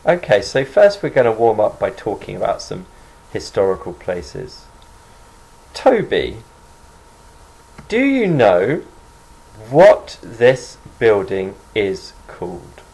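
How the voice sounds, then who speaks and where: Online English teacher, male, low-pitched and animated, slow clear repetitions for learners. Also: low-quality recording. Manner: encouraging, repeats words slowly for learners. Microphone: video call.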